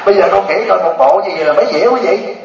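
A man's voice: high voice, vocal fry, very noisy. A man, a Buddhist monk giving a humorous dharma talk and teasing his listeners. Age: 70s. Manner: joking, teasing storyteller. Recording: distant, echoey, dull lo-fi hall recording. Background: audience laughter.

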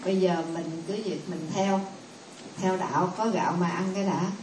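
A woman speaks up from the audience at a temple discussion, earnest and deferential as she rambles through her point. She is far from the mic in a roomy, echoing hall, with a clear ambient hum behind her. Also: fairly low pitch, steady tone, normal speed, a little mellow. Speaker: audience member giving her view. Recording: distant voice in an echoey hall.

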